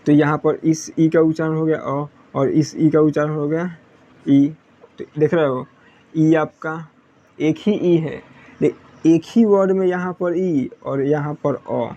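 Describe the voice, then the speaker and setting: Gravelly-voiced man teaching pronunciation. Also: a little high, steady tone, a little slow, dark tone, dull audio. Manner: repetitive, asks students questions then answers. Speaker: English teacher. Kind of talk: classroom-style explanation.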